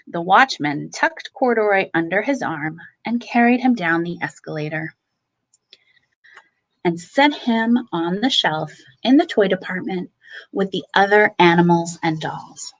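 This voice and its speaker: A woman storyteller reading a children's picture book at bedtime, expressively, with dramatic pauses and emphasis. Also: fairly low pitch, lively intonation, low-quality recording.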